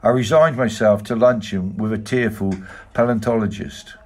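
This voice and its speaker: A man reading a literary novel aloud in a measured, even manner. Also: fairly low pitch. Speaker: audiobook reader. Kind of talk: scripted narration.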